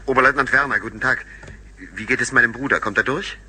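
A man's voice: medium pitch, fast, bright, forceful tone, a little hiss or hum. A man playing a formal army first lieutenant, heard as a distant voice over an old field telephone in a radio drama. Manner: clipped, formal. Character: formal male army officer calling by telephone.

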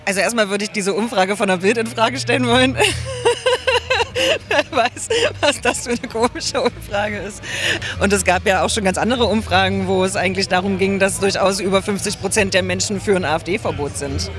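A man speaking for a campaign in a street interview, relaxed and chatty, tagging his sentences with little questions. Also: high-pitched, normal speed, soft background music. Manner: relaxed and talkative, often adding tag questions. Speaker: campaign spokesperson being interviewed. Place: outdoors at a demonstration.

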